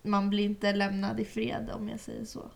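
A woman's voice: mid-range voice, completely flat delivery, creaky. A young woman, chatting casually and expressively, tossing in English phrases. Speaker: podcast co-host. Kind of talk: casual chat.

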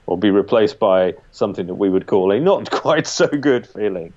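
A man's voice: lowish voice, lively intonation, normal speed, a little mellow. A British man interviewing in a casual, conversational way, circling tentatively as he forms his thoughts and questions. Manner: tentative, circling repetitions while forming questions. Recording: dull, band-limited sound.

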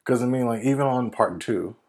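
A man from the United States in a casual movie discussion, talking in an animated way and acting out reactions. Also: mid-range voice, a little fast. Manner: animated, acts out reactions in quoted voices.

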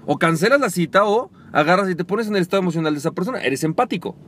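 A man hosting a podcast, coaching listeners on sales and acting out short dialogues in a calmer, lower voice. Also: rapid-fire. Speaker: podcast host. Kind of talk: motivational sales talk.

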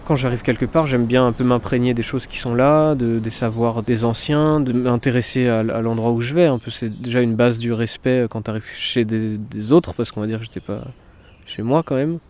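A young man in his twenties talks in a relaxed, unhurried way, often pausing on fillers and restarting his sentences. His voice sits at a middle pitch. He sounds like someone chatting to a camera crew about his own life. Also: slight background noise. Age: 20s. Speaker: forest cabin dweller. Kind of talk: casual documentary interview. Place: in a forest cabin.

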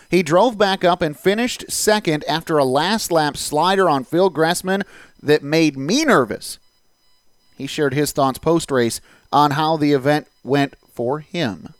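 A man with a smooth, clear voice introduces race highlights with lively enthusiasm. He sounds dry and close to the mic, with no room around him. His voice sits a little high. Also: dry recording. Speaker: show host. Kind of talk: scripted narration.

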